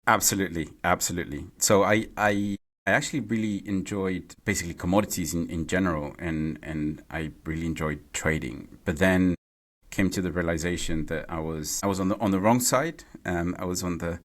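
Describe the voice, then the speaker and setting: A man from Mexico, a guest in a podcast interview, talking in a halting way and repeating words as he thinks. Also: low-pitched. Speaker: podcast guest, renewable energy CEO. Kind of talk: casual interview conversation. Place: home or office in London.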